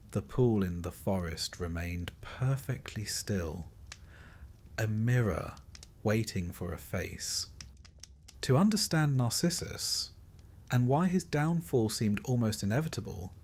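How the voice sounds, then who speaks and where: A man with a husky, medium-pitched voice narrates a scripted sleep story. His manner is calm and measured, with dry, wry touches.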